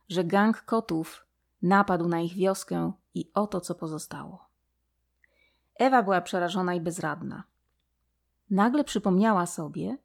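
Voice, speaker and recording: A woman's voice: fairly low pitch, a little mellow. Woman reading a storybook aloud.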